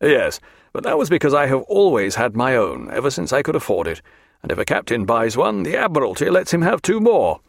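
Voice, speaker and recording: A man acts out a hearty naval captain in a storybook reading. He is blunt, confident and good-humoured, with old-fashioned turns of phrase. His mid-pitched voice is highly animated and closely recorded. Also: fairly quick, gravelly, no echo, studio quality. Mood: frank. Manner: jovial, bluff, old-fashioned speech.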